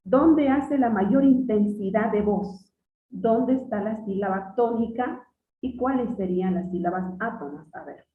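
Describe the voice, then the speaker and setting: A woman teacher giving a classroom lesson, patiently quizzing her students and repeating key words slowly. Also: medium pitch. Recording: distant echoey phone-like sound.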